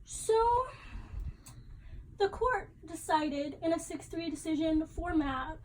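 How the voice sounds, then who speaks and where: A woman's voice: very high-pitched, expressive, slow, slight background noise, rough recording. A young woman giving a class presentation, talking casually and chattily with fillers and the odd laugh. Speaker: student presenter.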